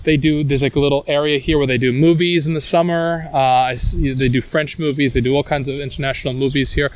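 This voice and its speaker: Here a New York tour guide talks fast in a fairly high, fairly even voice while showing people around city streets outdoors. His casual, eager patter wanders, with plenty of fillers and false starts.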